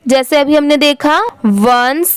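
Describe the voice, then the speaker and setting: Slow, high-voiced woman teacher. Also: no room sound, poor audio. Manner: spells words letter by letter, then reads them slowly. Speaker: English reading teacher. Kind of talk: step-by-step spelling and reading lesson.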